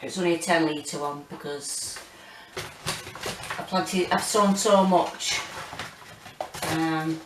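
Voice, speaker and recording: Monotone, slow-talking British woman. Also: sits low, noisy background. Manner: monotone, hesitant, self-deprecating. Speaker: gardening vlogger. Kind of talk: casual rambling garden tour chat. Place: small home kitchen and windowsill, indoors.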